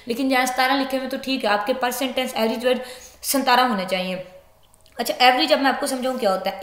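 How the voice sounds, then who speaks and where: A woman teacher explaining a lecture step by step, with a somewhat high voice. She reads English lines slowly and then explains them plainly. Her voice rings around an echoey room. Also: a bit bright.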